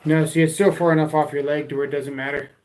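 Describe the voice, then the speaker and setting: A man's voice: on the high side, little pitch movement, fast, noisy background. A man hosting a live tool video, chatting casually with viewers and often repeating his words as he goes. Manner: rambling, repeats words, talks to viewers as "guys" and "dude". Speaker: YouTube tool channel host. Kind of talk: casual livestream chat.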